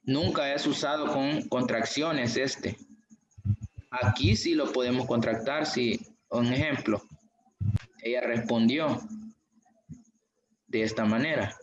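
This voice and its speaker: Male online teacher; slow, patient, repeats examples; roomy, muffled call sound. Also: mid-range voice. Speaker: English teacher. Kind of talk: online class explanation. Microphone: video call. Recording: dull, echoey room audio.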